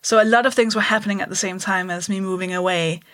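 A woman's voice: medium pitch, fairly even intonation, fast, a bit bright, no echo, clean studio sound. Danish woman in her thirties, candid. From Denmark. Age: 30s. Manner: candid, laughs often, mimics voices for jokes. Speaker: comedian guest. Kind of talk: casual interview chat.

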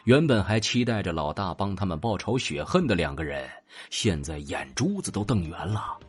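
A man narrating an audio drama with dramatic, expressive storytelling, with faint music behind him. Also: low voice, moderate pace, slightly rough.

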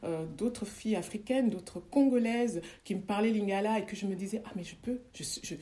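Hesitant woman with a mellow voice. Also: mid-range voice, brisk. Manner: hesitant, many fillers and restarts. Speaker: guest. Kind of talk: casual interview.

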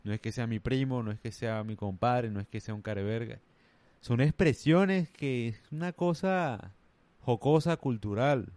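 A man's voice: mid-range voice, unhurried, darkish tone, dry recording. A man from the Caribbean coast of Colombia with its accent, ranting casually in a rambling, emphatic way full of slang. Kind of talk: casual rant to camera.

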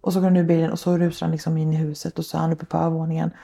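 A woman speaks low and dark, with a gravelly fry running through her words. She is a social worker who is a guest on a podcast. She tells her own past earnestly, step by step, and leans on many small fillers. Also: level tone. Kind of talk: personal account in a podcast interview.

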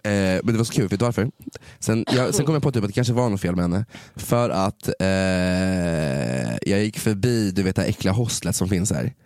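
A man co-hosting a casual chat, telling stories with lively acted-out quotes and frequent swearing. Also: sits low, no room sound, studio quality. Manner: animated, acts out quoted exchanges in a raised voice; sprinkles English phrases and swearing. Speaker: podcast co-host.

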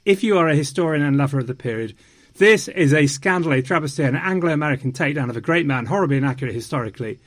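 A man's voice: a little high, fast. Theatrical, wry man. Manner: theatrical, wry, slips into mock French. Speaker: podcast host. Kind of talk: casual chat.

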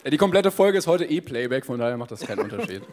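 A man co-hosting a live comedy podcast on stage, making dry, deadpan quips. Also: mid-range voice, fast talker.

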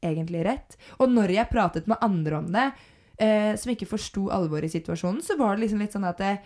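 A woman's voice: mid-range voice, a little mellow. A woman hosts a casual podcast chat. She talks frankly and heatedly, and she swears without holding back. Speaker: podcast host.

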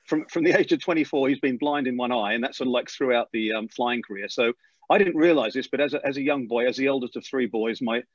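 Telling an interviewer how he ended up an airline pilot, a middle-aged man speaks rapidly and keeps restarting his sentences. His medium-pitched voice has an Australian accent worn down by years in England, and he tells the story with lively animation. The audio is echo-free but slightly dull and lo-fi.

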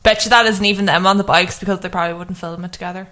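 An Irish woman chatting casually as she watches a movie, her talk quick to turn exasperated. She leans on plenty of fillers and keeps an animated running commentary going. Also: fairly low pitch. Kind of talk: casual chat reacting to a film.

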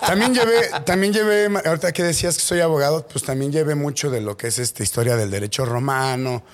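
Playful man, guest lawyer. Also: a little high. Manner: playful, quick with jokes. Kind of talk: casual chat.

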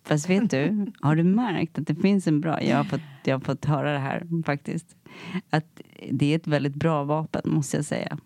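A woman hosting a casual podcast chat with a friend, lively, acting out quoted lines. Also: low voice, vocal fry, no room sound. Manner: animated, acts out quotes. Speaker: podcast host.

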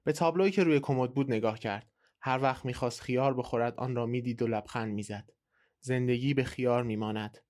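A man hosting a podcast and calmly reading a short story aloud. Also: medium pitch. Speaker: podcast host and narrator. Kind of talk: storybook narration.

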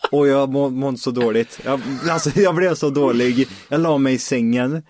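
A man's voice: medium pitch, noisy background. A man on a podcast, telling stories animatedly and acting out the voices. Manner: animated storyteller, acts out voices. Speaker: podcast co-host. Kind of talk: casual chat, storytelling.

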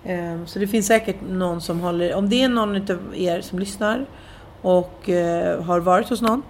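Woman host, kinda low voice, lots of mm's, chill chat, faint hiss. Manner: supportive, frequent "mm" backchannels. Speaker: podcast host. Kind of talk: casual chat.

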